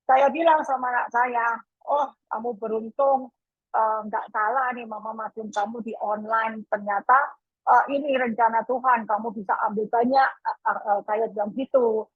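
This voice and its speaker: A middle-aged woman telling a personal story about her child, halting with fillers and acting out the lines of others. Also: on the high side, steady tone, slightly rough, dry recording, narrow, tinny audio. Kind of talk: personal testimony.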